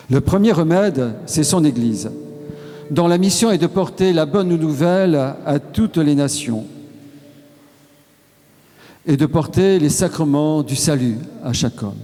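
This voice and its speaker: A man delivers a solemn sermon at a very unhurried pace, leaving pauses between short phrases. His voice sits a little high but sounds dark and mellow. A long reverb trails after his words, with faint music underneath. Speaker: preacher.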